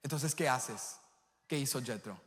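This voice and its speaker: Bright-voiced pastor preaching in an echoey church. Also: male voice, medium pitch, a little slow. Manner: impassioned preaching with vivid storytelling. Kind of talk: sermon. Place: church sanctuary.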